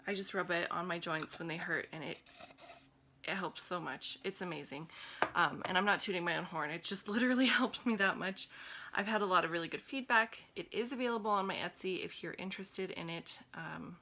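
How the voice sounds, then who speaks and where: A woman's voice: fairly low pitch, a little fast, bright, forceful tone, a little hiss or hum. A woman in her thirties from the United States, chatting casually in a home vlog with frequent ums and laughs, a little winded. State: a little out of breath. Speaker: vlogger. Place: home room.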